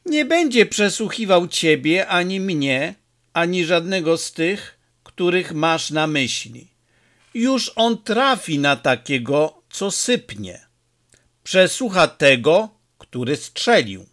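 A man's voice: high-pitched, sing-song, slow, a bit bright, full character voice. A man voicing a sullen, scheming male henchman in a storybook reading, talking grimly. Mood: knowing.

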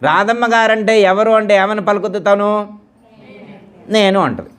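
A man leading a devotional discourse at a temple gathering, slowly repeating words and quizzing his listeners with questions to check they follow. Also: high voice, steady tone, fairly bright tone. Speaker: spiritual teacher.

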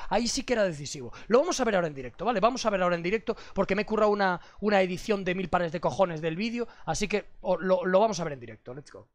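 A young man from streaming casually, crude and animated, swearing constantly as he talks to his chat. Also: high voice, dry recording.

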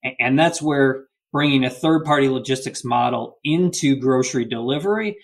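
A man's voice: mid-range voice, normal speed. A man speaking as a logistics executive guest in an interview, explaining steadily and often adding a questioning "right?". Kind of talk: business interview.

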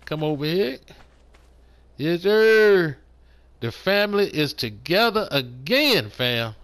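A man's voice: on the high side, a bit bright, a little hiss or hum. An older man hosting a gaming channel, giving casual, slangy commentary as he plays and talking to his viewers like family. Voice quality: slangy and laid-back, calls viewers fam.

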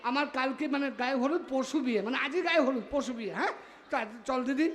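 A man playing a brash, high-voiced village groom-to-be. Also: fast. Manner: loud, cheeky and pleading. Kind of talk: live rural stage comedy. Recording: live stage with music and a crowd.

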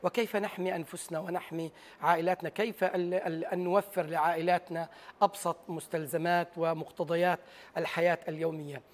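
High-voiced Palestinian man, halting delivery. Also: level tone. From Gaza. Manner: halting, searching for words. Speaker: journalist, interview guest. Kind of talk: serious interview account. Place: large TV news studio. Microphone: lapel.

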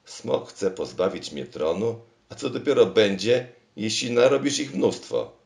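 A man's voice: a bass voice, sing-song, unhurried, darkish tone, pitched above the performer's own voice, exaggerated voice. A man voicing an anxious, easily alarmed king who talks in fretful exclamations. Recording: roomy echo.

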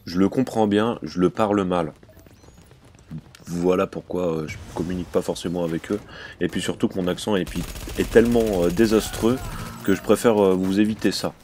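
A low-voiced man talks through a game in a relaxed let's-play commentary, chatty and informal. He hesitates often and keeps a loose, friendly flow. A faint hiss of noise sits under his gaming mic. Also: moderate pace. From France. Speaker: gaming channel host.

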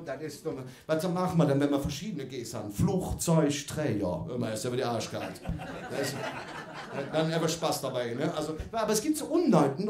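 A man with a Cologne accent performs stand-up comedy in front of a live audience. His voice sits high and leaps around with big swings, and he keeps tagging "ne?" onto his lines. The room around him rings with a roomy echo. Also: a little mellow. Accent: Cologne (Kölsch). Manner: chatty, keeps adding "ne?", laughs along. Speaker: comedian on stage.

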